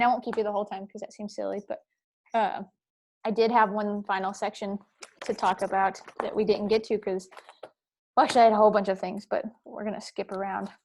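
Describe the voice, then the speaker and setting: A woman's voice: mid-range voice, darkish tone, slight background noise. A woman teaching a university class over a video call. She talks casually and rambles, with lots of fillers and playful asides. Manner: chatty, rambling, many fillers; playful, sings snatches. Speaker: university instructor. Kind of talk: casual online lecture. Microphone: computer mic on video call.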